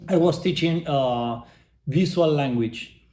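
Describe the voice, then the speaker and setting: A middle-aged Argentine artist with an Argentine Spanish accent speaks English as a second language in a casual interview, halting and restarting often as he searches for words. His voice is on the high side with a darkish tone, and the sound is roomy.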